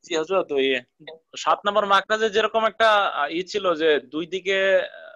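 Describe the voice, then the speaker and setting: A man asking his teacher a question respectfully, with hesitant pauses. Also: high-pitched, pushed and bright, dry recording, highs cut off. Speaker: student.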